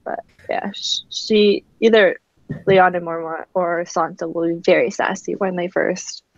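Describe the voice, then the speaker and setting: A woman's voice: on the low side, fairly even intonation, a little slow, gravelly, no room sound. Female panel guest, rambly filler-heavy chat, lo-fi dry sound. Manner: rambling, lots of "like", acts out sassy quotes. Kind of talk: casual group chat. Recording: dull dry lo-fi mic.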